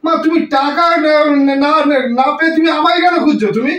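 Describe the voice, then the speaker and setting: A man's voice: very high-pitched, fairly bright tone. A man playing a young husband who hurries and coaxes his wife, nervous about his mother, in a comic family skit. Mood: defensive. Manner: hurried, coaxing. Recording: echoey room, voice from a distance.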